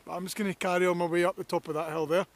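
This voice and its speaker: A man's voice: high voice, level tone, rapid-fire. A man with a Scottish accent, a landscape photographer vlogging outdoors on a hillside, enthusiastic and reflective as he talks to the camera. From Scotland. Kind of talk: outdoor walking vlog. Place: hillside outdoors in snowy weather.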